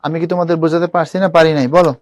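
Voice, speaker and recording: A man's voice: a little high, flat delivery, very fast, no room sound, studio quality. A young man teaching an online admission class, talking casually and asking students questions. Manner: casual, chatty, addresses students directly, asks them questions. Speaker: university admission tutor.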